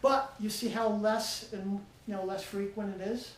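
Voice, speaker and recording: A woman dog trainer calmly explaining her training and patiently encouraging a dog with frequent praise. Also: medium pitch, normal speed, roomy sound, far from the mic, background noise.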